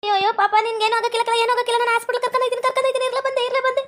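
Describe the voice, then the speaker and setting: A woman's voice: very high-pitched, fairly even intonation, rapid-fire, a bit bright. A woman playing a frantic young village wife, wailing and repeating herself. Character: frantic young village wife fussing over her husband. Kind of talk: village comedy skit.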